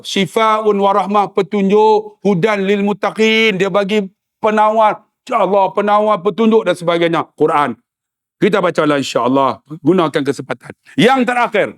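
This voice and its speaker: A male preacher giving a humorous religious lecture, telling comic stories and addressing his audience directly. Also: high voice. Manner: animated storytelling with comic asides.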